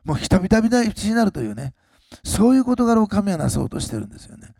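A pastor preaching a sermon, swinging between loud, slowed emphasis and quiet, low asides to the congregation. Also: male voice, big pitch swings, creaky, no echo, studio quality.

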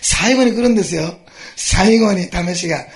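A middle-aged man preaching a sermon to his congregation in an animated way, chuckling and asking his listeners questions. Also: high-pitched, normal speed. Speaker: pastor.

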